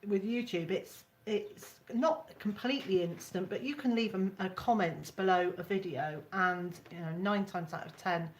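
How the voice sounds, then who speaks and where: A woman talking as a guest in a casual live chat, easygoing and talking in quick bursts. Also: medium pitch, a little hiss or hum.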